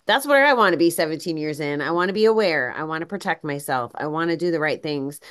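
A woman with a low voice hosts a podcast. She responds to her guest thoughtfully and affirms what the guest says. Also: expressive, fast talker, fairly bright tone, clear, resonant tone. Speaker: podcast host. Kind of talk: podcast conversation.

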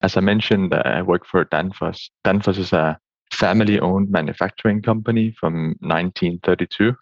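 Very deep-voiced man explaining. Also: no room sound, lo-fi sound. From Denmark. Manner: explanatory, with fillers. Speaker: guest expert. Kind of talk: interview answers.

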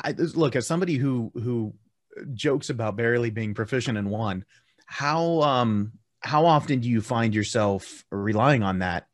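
A man's voice: medium pitch, no room sound, studio quality. A man hosting an interview podcast, asking long, chatty questions that wander into tangents. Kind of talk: casual interview.

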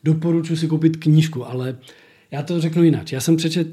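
A man's voice: on the high side, steady tone, mellow. A man, a relationship coach, talking in a podcast conversation, explaining and acting out quoted phrases.

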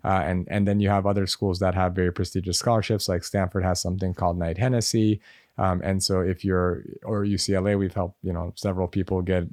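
An American man with a deep, darkish voice works as a medical school admissions advisor and answers interview questions conversationally, using many fillers. The sound is clean studio quality with no room sound.

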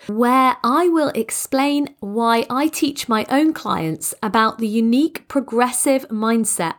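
A middle-aged woman hosting her own podcast as a business coach, sounding croaky and congested from a cold, talking in long, upbeat, motivational sentences. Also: on the high side, a bit bright. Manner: enthusiastic, motivational, speaks in long flowing sentences. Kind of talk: solo podcast monologue.

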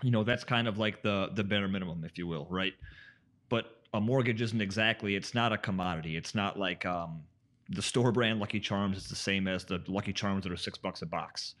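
A man's voice: sits low, fairly quick, fairly bright tone. A man, a mortgage expert, explaining at length in a casual podcast chat, with frequent "you know" and "right".

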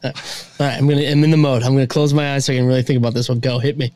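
A man's voice: mid-range voice, level tone, racing, warm tone, no room sound. A young man from Minnesota, co-hosting a podcast in a casual chat, talking a lot with fillers and frequent laughs. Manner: chatty, laughs often, many fillers. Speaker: podcast co-host.

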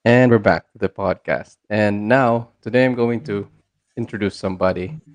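A man's voice: on the low side, moderate pace. A man hosting a podcast in a casual, informal, conversational way. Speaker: podcast host.

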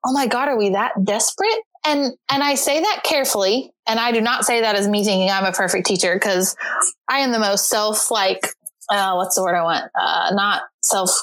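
A woman teacher talking shop in a relaxed conversation. She is animated, slips into acted-out reactions, and laughs often as she talks. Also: mid-range voice, moderate pace. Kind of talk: casual podcast discussion.

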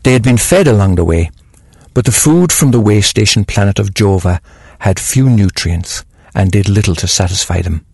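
Gravelly man reading a short story. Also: lowish voice, lively intonation, moderate pace, darkish tone, no echo, studio quality. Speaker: host and storyteller. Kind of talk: reading short stories aloud.

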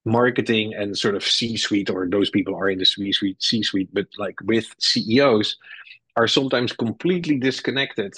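This Silicon Valley resident, a Dutch-accented marketing executive in middle age, speaks at normal speed in a lowish, husky voice with a fairly bright tone, recorded without echo. As an interview guest he is candid and blunt, rambling along with many restarts.

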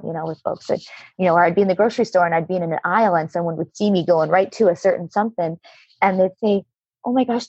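A woman spins a long personal story in a relaxed interview, animated and quick to laugh as she acts out the voices of people she quotes. Her voice has a slightly husky edge. The recording is dull and dry. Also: lowish voice, no echo. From Alaska. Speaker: guest.

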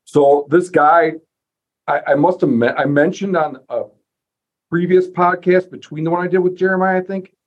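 A man's voice: fairly high pitch, moderate pace. Slightly muffled, folksy male podcast host. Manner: folksy, self-deprecating, thinks aloud. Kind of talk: casual interview.

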